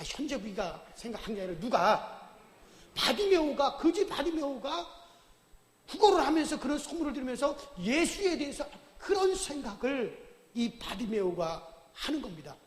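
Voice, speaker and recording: A male pastor preaching a sermon with dramatic, emphatic storytelling. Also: very high-pitched. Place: church sanctuary. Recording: echoey church hall reverb.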